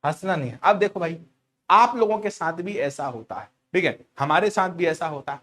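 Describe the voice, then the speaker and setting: A high-voiced male teacher gives a lively lesson, telling stories and teasing his students. He asks questions and repeats key words back, so the talk bounces along. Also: normal speed. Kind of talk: lively storytelling lecture.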